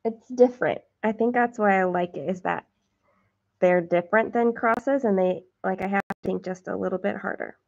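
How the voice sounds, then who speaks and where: A woman's voice: mid-range voice, normal speed, gravelly, dull audio. A woman hosting a cross-stitch livestream, chatting casually and self-deprecatingly with viewers while counting her stitches.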